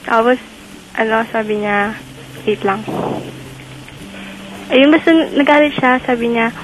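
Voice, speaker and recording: A woman's voice: on the high side, unhurried, a little hiss or hum, poor audio. A young woman calling into a radio show, rambling through a personal story with many fillers. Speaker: caller. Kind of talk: call-in radio chat.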